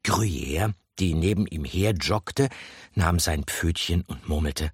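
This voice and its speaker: Male audiobook narrator, husky and low-ish, very animated delivery, dry sound. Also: slow, no echo. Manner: expressive storytelling. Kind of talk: scripted narration.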